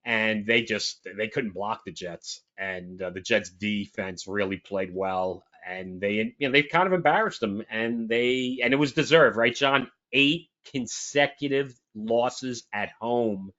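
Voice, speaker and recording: A man's voice: on the low side, measured pace, hardly any pauses, fairly bright tone. A man co-hosting a sports talk show, chatting casually and emphatically with lots of restarts. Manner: rambling, emphatic, frequent restarts. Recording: dull lo-fi audio.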